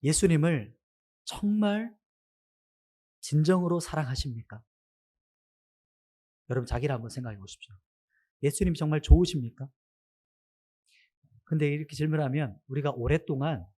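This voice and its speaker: A man's voice: on the high side, moderate pace, pauses often. A man preaching a sermon to his congregation, asking them many questions. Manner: asks the congregation many questions, animated rise and fall.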